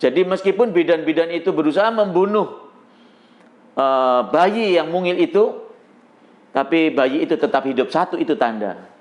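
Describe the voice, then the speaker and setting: Dramatic middle-aged male preacher, high voice. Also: lively intonation, normal speed. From Indonesia. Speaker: preacher giving testimony. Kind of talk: sermon testimony.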